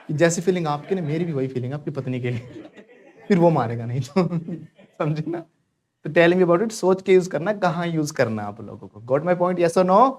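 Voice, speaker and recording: A man from India teaching a lively spoken-English class in Hindi. His voice sits a little high, and he jokes and coaxes the room to repeat phrases after him. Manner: animated, joking, coaxing the class to repeat.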